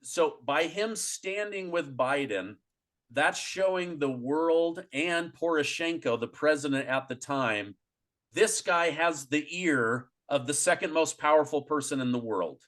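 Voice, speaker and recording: A man hosts an interview in a voice a little higher than most men's. He reacts with quick exclamations and sums up what he hears in his own words. His delivery is conversational and animated. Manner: animated, reacts with exclamations and restates points to check them. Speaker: interview host.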